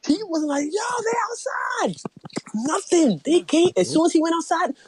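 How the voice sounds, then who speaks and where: A woman's voice: high-pitched, lively intonation, fairly quick, darkish tone. A woman co-hosting a casual podcast chat, ranting expressively. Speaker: podcast co-host.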